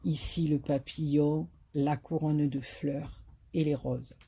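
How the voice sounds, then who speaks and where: A woman's voice: deep voice, fairly even intonation, takes it slowly, warm tone, a little hiss or hum. A woman with a Marseille accent chatting casually in a craft haul video, hesitant and full of fillers, enthusiastic about what she shows. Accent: Marseille French. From southern France. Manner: enthusiastic about paper designs. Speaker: craft vlogger.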